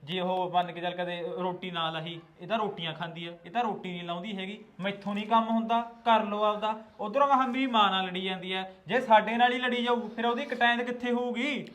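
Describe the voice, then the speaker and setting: High-pitched man in a heated quarrel. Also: steady tone, fairly quick, hardly any pauses, fairly bright tone. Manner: heated, scolding, complaining. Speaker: angry son-in-law. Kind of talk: village family drama acting.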